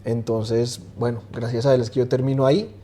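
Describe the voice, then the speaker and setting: A man in his twenties, a guest talking casually in an interview and often pausing with fillers and restarts. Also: mid-range voice. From Colombia. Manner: relaxed, hesitant, many fillers and restarts. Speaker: guest swimmer.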